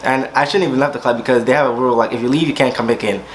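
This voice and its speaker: Young man, storytime vlog, dramatic retelling, acted-out quotes, mid-pitched voice, faint background hiss. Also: fairly even intonation, very fast, rough recording. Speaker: vlogger.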